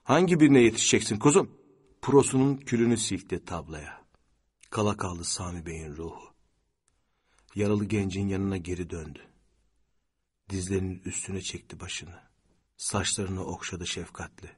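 A man narrating a literary audiobook in a measured, steady way, with a husky voice. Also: low-pitched.

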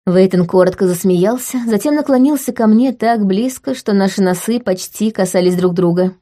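A woman reading a first-person romance novel aloud as an audiobook narrator, in an even, measured way. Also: medium pitch.

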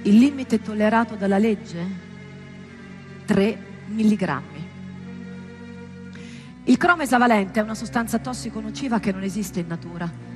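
With faint music behind her, a woman with an expressive mid-range voice performs a stage monologue, her delivery dramatic, measured, and emphatic.

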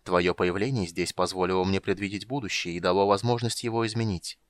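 A dark goddess, read by a man in his own low voice, speaks with slow, coldly calm command. Her lines are close and dry, without any room sound, as in an audiobook. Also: no room sound, close to an everyday voice. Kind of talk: audiobook character voice.

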